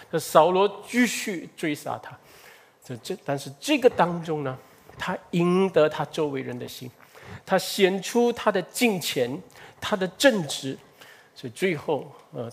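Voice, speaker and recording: Husky-voiced man preaching a sermon. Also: fairly high pitch. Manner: earnest, rhetorical questions, rising emphasis. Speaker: pastor.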